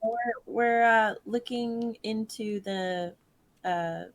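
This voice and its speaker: A woman's voice: a little high, drawn-out words, dry recording. A woman playing a tabletop game, speaking hesitantly and tentatively. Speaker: player. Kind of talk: casual tabletop play.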